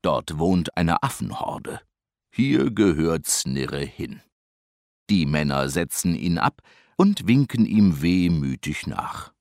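Slow, expressive storybook narrator, a man. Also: low voice, vocal fry, no echo, studio quality. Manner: lively, expressive, unhurried.

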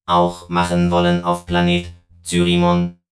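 A deep, clanking alien voice. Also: male voice, monotone, a little slow, over music. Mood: flat, eerie. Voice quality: clanking, electronic-sounding voice. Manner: speaks in clipped broken phrases. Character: pale alien with broken speech, flat and eerie. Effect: electronic voice effect. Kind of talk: storybook reading.

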